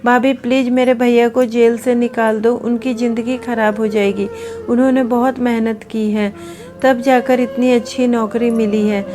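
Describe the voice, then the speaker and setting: A woman's voice: on the high side, little pitch movement, normal speed, natural voice. A woman voicing a guilty teenage schoolboy who pleads tearfully with his sister-in-law in a storybook reading. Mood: pleading. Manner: pleading, sobbing delivery.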